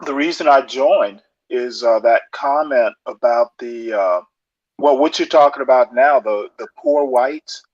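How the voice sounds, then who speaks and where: A man calling into a talk show through earbuds, his voice muffled as if inside a fishbowl, speaking in a measured, hesitant, lecturing way. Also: medium pitch, dry recording. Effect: muffled sound, as if inside a fishbowl. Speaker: caller joining a live talk show. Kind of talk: casual call-in discussion. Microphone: earbuds microphone. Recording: dull lo-fi earbud audio.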